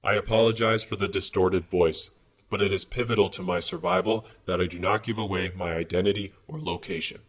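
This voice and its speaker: A man's voice: sits low, steady tone, a little fast, husky. A man playing a grave, fearful research whistleblower in a scripted sci-fi monologue, his voice disguised with fuzzy distortion. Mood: grave, urgent. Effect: distorted voice disguise with fuzz. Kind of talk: scripted science fiction monologue.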